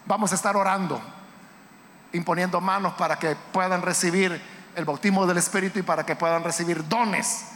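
A man preaching an impassioned sermon as pastor, rising often into shouts. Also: high-pitched, steady tone, normal speed. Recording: hall reverb, faint background noise.

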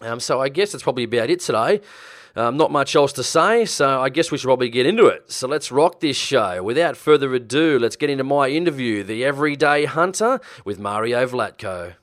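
A man's voice: mid-range voice, animated, brisk, a bit bright, no room sound. A man with an Australian accent hosting a hunting podcast, talking casually with lots of fillers. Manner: laid-back, filler-heavy, friendly. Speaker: podcast host.

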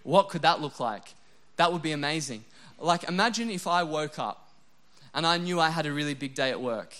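Animated, emotional male preacher. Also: normal speed. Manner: animated, self-deprecating, often drops to a soft low voice for prayers. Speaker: pastor. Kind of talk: sermon.

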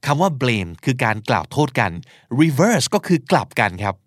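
A man's voice: mid-range voice, very animated, normal speed, no room sound, clean studio sound. A man hosting a podcast, teaching and explaining vocabulary, spelling out words and acting out short examples. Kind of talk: explanatory language lesson talk.

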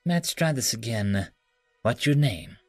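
A man voices a quiet, patient interrogator who keeps his tone low and even. He sounds controlled and coaxing, recorded close and dry. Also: measured pace, dry recording, soft background music. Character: patient male human interrogator.

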